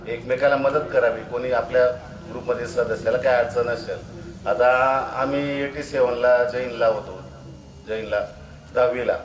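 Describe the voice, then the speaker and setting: A man giving an earnest, formal speech to former students at a reunion, somewhat halting. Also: mid-range voice, reverberant, rough recording. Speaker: guest speaker at reunion.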